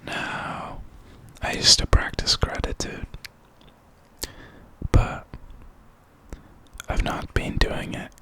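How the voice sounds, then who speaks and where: Slow whispered pep talk from a man. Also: fairly bright tone, rough recording. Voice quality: unvoiced, breathy whisper. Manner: encouraging, reflective, unhurried. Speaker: ASMR creator. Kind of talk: whispered pep talk, ASMR positive affirmations.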